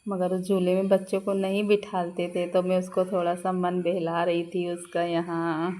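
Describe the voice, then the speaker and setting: Woman vlogger, Madhya Pradesh Hindi accent, casual storytelling, mellow, low-pitched. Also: monotone, moderate pace. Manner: chatty, storytelling, laughs often. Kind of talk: casual vlog voice-over narration.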